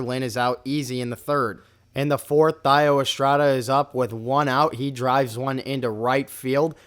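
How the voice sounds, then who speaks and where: Man, young adult, smooth voice, middle pitch, scripted sports recap, wry play-by-play. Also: a bit bright. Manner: play-by-play delivery with wry asides. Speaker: recap narrator. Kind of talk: scripted game recap narration.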